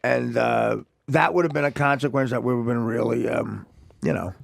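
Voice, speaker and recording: A man talking as a guest on a talk show, halting and searching for his words as he speaks candidly. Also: mid-range voice, creaky, dry recording.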